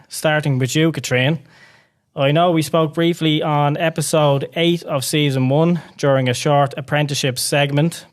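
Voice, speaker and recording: A man co-hosting an interview podcast, reading the intros and asking the guests questions in a friendly way. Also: a little high. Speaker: podcast co-host. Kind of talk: semi-scripted podcast hosting.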